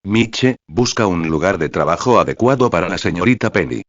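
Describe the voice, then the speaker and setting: A synthetic male voice plays a calm, measured male military commander in a storybook reading. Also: low-pitched, no echo. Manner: composed and commanding. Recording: dry, slightly dull lo-fi sound.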